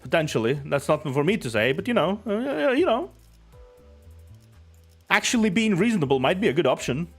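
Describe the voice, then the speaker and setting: A man's voice: high-pitched, big pitch swings, a little fast, long pauses, fairly bright tone, soft background music. A man casually narrating a game and reading its dialogue aloud as a streamer.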